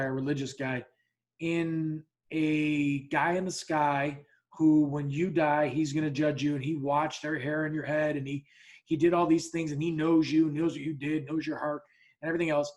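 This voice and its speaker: Fairly high in pitch and a little mellow, the male podcast host talks at a moderate pace with fairly even intonation. His casual story is blunt and full of restarts and free swearing, and he performs both sides of the quoted exchange.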